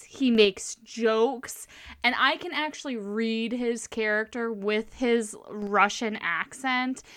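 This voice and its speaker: Woman, podcast co-host, casual chat, enthusiastic, clear crisp voice, somewhat high. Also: a bit bright. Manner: gushing, enthusiastic about books.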